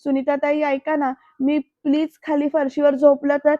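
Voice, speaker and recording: A woman's voice: high-pitched, little pitch movement, normal speed, no echo, lightly acted. A woman voicing a shy, simple young village woman who pleads hesitantly, on a dull, dry recording. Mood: pleading.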